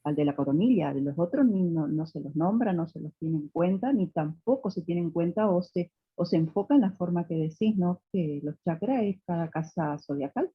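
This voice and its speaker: A woman's voice: lowish voice, lively intonation, moderate pace, hardly any pauses, slightly rough, no echo, dull audio. A woman, a student who talks thoughtfully and rambles a little, with many fillers. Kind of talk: casual conversation with teacher.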